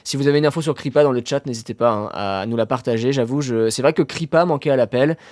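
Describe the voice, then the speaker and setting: A man chats through a live stream about running results, trailing off into fillers and then jumping up in pitch when something excites him. His voice sits in an ordinary middle register. The sound is dry and close, with no room around it. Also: fast, no echo. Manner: chatty, many fillers, excitable bursts. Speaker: streamer hosting an athletics live. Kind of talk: casual live-stream chat reading the chat.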